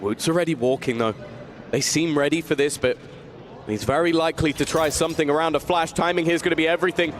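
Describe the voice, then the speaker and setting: A man commentating an esports match as a caster, dramatic, building to excited, shouted play-by-play calls. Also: a little high, quick pace, slight background noise.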